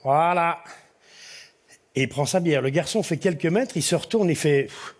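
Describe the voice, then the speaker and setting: A man's voice: fairly high pitch, moderate pace. A man telling jokes on stage, rambling with digressions. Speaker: stand-up comedian. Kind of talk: live joke-telling.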